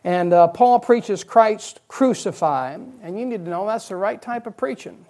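A male pastor preaching a sermon, emphatic and repeating his key phrases, dropping into quiet asides between loud declarations. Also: high voice, measured pace.

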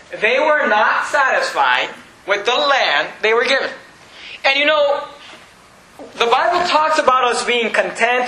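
A man's voice: high voice, bright, forceful tone, a little hiss or hum. A man preaching a sermon, earnest and repetitive, often asking the congregation questions. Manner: earnest, repeats words, asks the congregation questions. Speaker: pastor. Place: church. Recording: echoey church hall.

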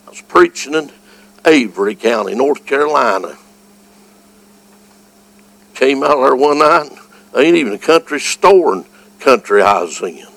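A man with a Southern US accent preaching a fervent evangelical revival sermon, folksy and exclamatory, moving between quiet storytelling and shouting. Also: mid-range voice, expressive, a little slow, vocal fry, pauses often, low-quality recording.

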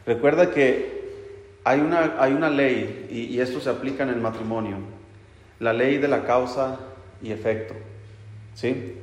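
A man's voice: medium pitch, a little slow, pauses often. A man preaching a conversational sermon, speaking plainly to the men and often checking in with "right?". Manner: plain, talks straight to the men, keeps asking "¿verdad?" and "¿sí?". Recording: echoey hall reverb.

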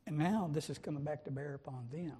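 A man's voice: fairly high pitch, fairly quick, warm tone, husky. A man preaching a sermon, emphatic and full of rhetorical questions. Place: church sanctuary. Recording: long church reverb.

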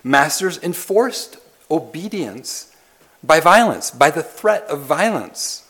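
Man, pastor, expository sermon, repetitive phrasing, rhetorical questions, soft-to-loud swings. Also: sing-song, slow, husky. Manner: swings between soft low asides and loud emphatic lines.

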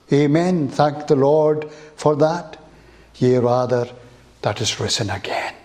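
Slow, emphatic preacher man. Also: mid-range voice, darkish tone. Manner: slow, emphatic, rising on key words. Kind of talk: sermon. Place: church.

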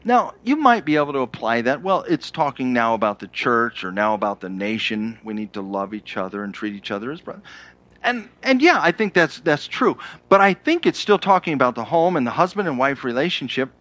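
Middle-aged guy preaching, bouncy voice that jumps up high for emphasis, dry close sound. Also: big pitch swings, brisk, fairly bright tone, no room sound. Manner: conversational preaching with sudden emphatic rises. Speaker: pastor. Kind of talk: sermon.

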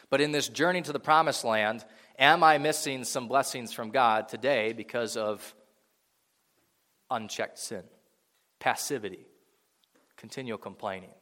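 A man's voice: mid-range voice, fairly bright tone. A man preaching a sermon to a congregation in a church, earnest and swelling to emphatic peaks. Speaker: pastor. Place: church sanctuary before a congregation. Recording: long reverb of a large hall.

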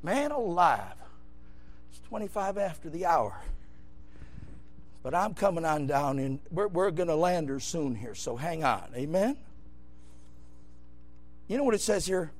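A man preaching an emphatic Baptist sermon, swinging between loud shouted bursts and low, quiet asides. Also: sing-song, measured pace, long pauses. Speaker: pastor.

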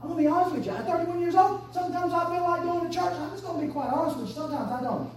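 A woman, preaching an impassioned sermon that swings between hushed and shouted. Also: extremely high pitch, racing, a little hiss or hum. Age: 30s. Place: church sanctuary. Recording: echoey church from far off.

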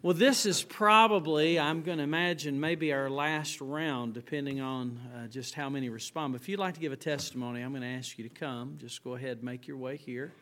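A man's voice: medium pitch, fairly quick, few pauses. Easygoing man leading a chapel service. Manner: relaxed, easygoing, with frequent fillers. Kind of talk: casual announcements at a service.

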